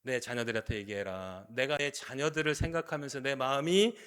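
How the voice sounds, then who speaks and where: A man voicing God as a tender, grieving heavenly father, speaking softly and low. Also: a little fast, smooth, lightly acted. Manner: soft, low, confiding.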